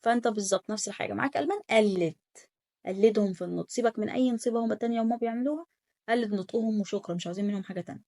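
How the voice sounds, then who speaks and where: Fast-talking Egyptian woman with gravelly fry. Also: mid-range voice, dark tone, dry recording, studio quality. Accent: Egyptian Arabic. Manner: rapid, repetitive coaching, drills pronunciation aloud. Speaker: German teacher. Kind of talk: casual online language lesson.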